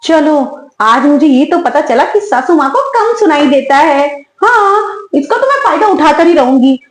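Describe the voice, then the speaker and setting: A woman voicing a lazy, cheeky young daughter-in-law who talks back quickly and chattily in a comic family sketch. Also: sits high, big pitch swings. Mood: chatty. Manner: quick, chatty, giggly backtalk.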